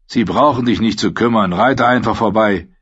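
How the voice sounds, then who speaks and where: A man reading an audiobook voicing a gruff, dismissive town guard who growls his warnings. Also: lowish voice, moderate pace, a bit bright, dry recording. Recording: dull lo-fi sound.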